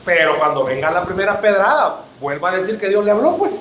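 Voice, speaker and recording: A man's voice: high-pitched, big pitch swings, fast, a bit bright, roomy sound, a little hiss or hum. A man preaching a sermon to his church, joking and calling his listeners brother.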